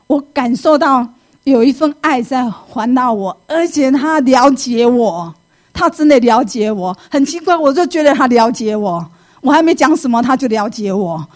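A middle-aged woman, giving a lively personal faith testimony and acting out her own past thoughts. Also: sits high. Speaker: church member giving testimony.

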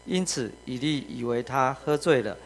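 A man from the congregation reading a scripture passage aloud in a steady, even way. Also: mid-range voice, moderate pace. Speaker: congregation member.

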